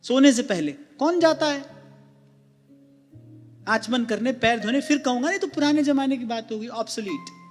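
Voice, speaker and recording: A man giving a gentle devotional discourse, often repeating himself and putting questions to his listeners. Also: very high-pitched, normal speed, pauses often. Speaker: spiritual discourse speaker. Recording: long hall reverb with faint music.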